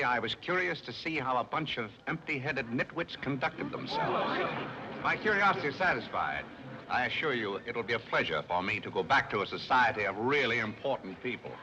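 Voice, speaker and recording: An actor playing a sardonic, proud homeless American man with dry, articulate wit in a 1930s screwball film. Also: lowish voice. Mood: scornful. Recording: muffled, noisy 1930s film soundtrack.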